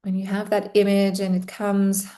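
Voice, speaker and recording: A woman guiding a relaxation meditation in a slow, soothing way, with long pauses between phrases. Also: mid-range voice, monotone, mellow. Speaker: meditation guide. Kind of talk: guided meditation.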